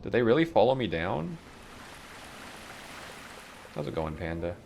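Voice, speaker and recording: A man's voice: on the low side, very animated, unhurried, creaky, darkish tone, a little hiss or hum. A young man streaming a video game, chatting casually in a rambling, profane way and chuckling often. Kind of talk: casual chat while playing a game live.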